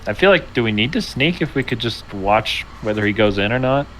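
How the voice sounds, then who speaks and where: A man's voice: medium pitch, animated, a little fast, a bit bright, slight background noise, poor audio. A man player chatting casually at a tabletop game, rambling and joking.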